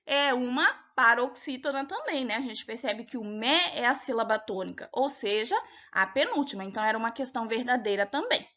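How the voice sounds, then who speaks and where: A woman's voice: fairly high pitch, expressive, fairly quick, sharp tone, dull audio. A woman teacher with a Brazilian Portuguese accent patiently goes over a test with young pupils step by step, often checking that they follow. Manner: patient, explains step by step, asks checking questions. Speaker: primary school teacher. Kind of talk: recorded lesson going over a test.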